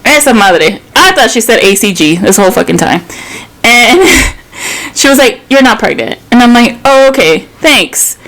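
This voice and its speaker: A woman's voice: fairly high pitch, animated, moderate pace, fairly bright tone, low-quality recording. A woman in her thirties co-hosting a podcast, telling a personal story in casual chat, candid and swearing freely. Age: 30s. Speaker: podcast co-host.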